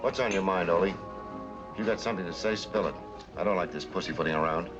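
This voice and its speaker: An actor playing a troubled, curt police lieutenant in a 1940s film noir style. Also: male voice, low-pitched, fast talker, music in the background, lightly acted. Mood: irritated. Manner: curt, tough, evasive. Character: brusque, troubled police lieutenant, a married man. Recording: dull old film soundtrack.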